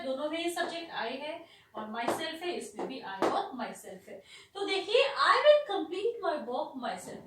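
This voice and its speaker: A woman with an Indian English accent teaching English grammar in a lesson, explaining slowly and repeating her examples. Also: high-pitched, a bit bright. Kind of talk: classroom lesson mixing Hindi and English. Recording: echoey room, mic at a distance.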